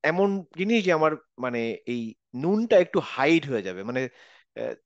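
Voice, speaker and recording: A man's voice: on the high side, sing-song, vocal fry, dry recording, dull audio. Man teaching recitation on a video call. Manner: patient, explains step by step, models recitation slowly. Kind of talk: online class teaching.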